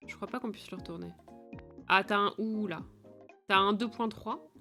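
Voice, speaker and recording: A woman's voice: mid-range voice, normal speed, sharp tone, faint music behind. A woman streamer chatting playfully and teasing while she plays, sounding tired. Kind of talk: casual live-stream game chat.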